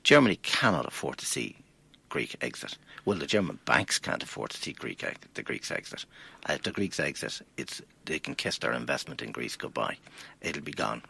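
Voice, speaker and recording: A man's voice: extremely low pitch, big pitch swings, moderate pace, vocal fry, bright, forceful tone, slightly rough. An Irish man, a financial planner guest, arguing his points emphatically with rhetorical questions in a studio interview.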